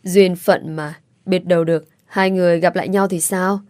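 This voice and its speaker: A woman's voice: lowish voice, fairly even intonation, normal speed, a little mellow, no room sound, lightly acted. A playful young daughter who teases, pleads and sulks, as a woman reads her in a storybook. The delivery is cheeky and coaxing, and it sounds dry and close to the mic. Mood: probing.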